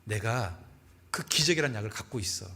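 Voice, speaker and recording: A man voicing a wealthy doctor who speaks calmly and kindly to a little girl. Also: lowish voice, a little fast, slightly rough, heavily acted. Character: wealthy kind male doctor, gentle and calm.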